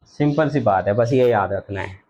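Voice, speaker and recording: A man teaching an online Quran recitation lesson, slowly drilling letter sounds and repeating them for practice. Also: on the low side, a little mellow. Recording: dull lo-fi audio.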